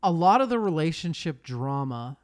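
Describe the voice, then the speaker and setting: A man's voice: on the high side, big pitch swings, moderate pace. A man hosting a casual podcast, chatty and swearing, often restarting his sentences. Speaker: podcast host.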